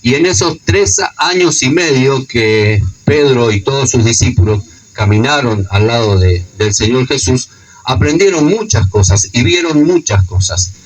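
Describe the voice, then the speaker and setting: A man's voice: mid-range voice, lively intonation, unhurried, distant mic, low-quality recording. A man with a Rioplatense accent preaching a sermon. He retells scripture stories and often adds a questioning "no?". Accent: Rioplatense Spanish.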